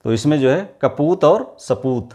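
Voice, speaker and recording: A man's voice: on the high side, lively intonation, a little slow, a little mellow. A man teaching an exam-prep lesson, asking questions and then answering them himself while repeating the key words.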